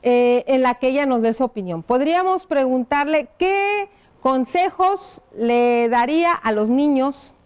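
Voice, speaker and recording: Slow, clear-voiced woman teacher. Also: high-pitched, expressive, darkish tone. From Mexico. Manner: slow, careful dictation while writing on a board; checks in with pupils with frequent tag questions. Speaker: primary school teacher. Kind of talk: televised classroom lesson.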